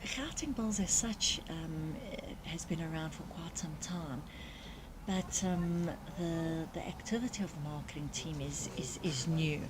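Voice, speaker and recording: A woman's voice: low voice, measured pace, noisy background. A woman with a South African accent giving live, unscripted sports commentary. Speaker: commentator and club marketing organiser.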